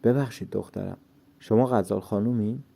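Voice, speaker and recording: A man's voice: fairly low pitch, creaky, warm tone, husky. A man voicing a courteous old man in a storybook reading. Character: polite old man delivering a basket.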